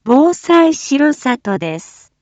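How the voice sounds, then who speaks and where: A woman making a formal municipal disaster-radio announcement in the style of an outdoor loudspeaker, phrase by phrase with long pauses. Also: high-pitched, very animated, no echo, dull audio. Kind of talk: formal public-address announcement.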